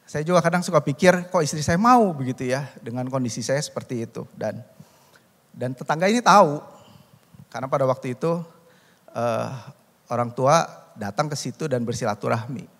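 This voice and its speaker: A man's voice: medium pitch, lively intonation, moderate pace, fairly bright tone. Reverberant sermon from a man pastor. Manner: storytelling, conversational, addressing the congregation directly. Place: church hall. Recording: long church-hall reverb.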